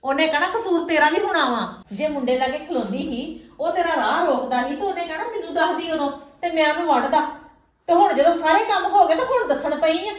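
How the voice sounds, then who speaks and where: Actress as high-voiced village mom, blunt and scolding, echoey room. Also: female voice, lively intonation, fairly quick. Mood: stern. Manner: scolding, blunt, rhetorical questions. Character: stern village mother, scolding and worried.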